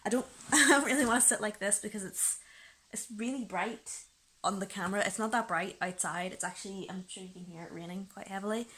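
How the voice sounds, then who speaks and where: Croaky rambling Northern Irish young woman. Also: medium pitch, a little fast, fairly bright tone. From Northern Ireland. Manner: rambling, self-interrupting, laughs often. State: croaky, just woken up. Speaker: vlogger. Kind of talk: casual rambling chat. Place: bedroom, indoors, rain outside. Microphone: camera set on a shelf.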